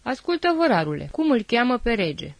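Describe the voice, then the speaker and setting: A woman's voice: on the high side, sing-song, vocal fry, dry recording, pitched above the performer's own voice. A woman voicing a harsh, short-tempered male army captain who barks orders and mocks, in a dry studio read. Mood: mocking. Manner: barking, mocking, commanding.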